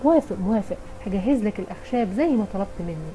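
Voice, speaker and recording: A woman's voice: medium pitch, expressive, rapid-fire, dark tone, lightly acted, low-quality recording. A woman with an Egyptian Arabic accent voicing a humble, hard-working woodcutter father, plain and earnest, for a children's storybook. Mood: agreeable.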